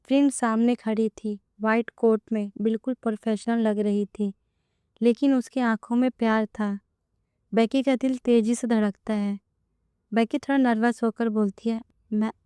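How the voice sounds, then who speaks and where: A woman reading a romance story aloud in an even storytelling manner. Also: a little high, clean tone, no room sound. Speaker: narrator. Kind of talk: scripted narration of a romance story.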